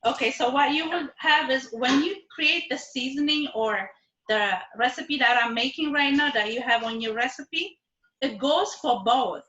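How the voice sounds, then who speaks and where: A woman from Ethiopia and Eritrea runs a live online cooking class from her kitchen over a video call, friendly, patient and often checking on her students. Her high-sitting voice is pushed and bright at a moderate pace, with roomy sound and the high frequencies cut off.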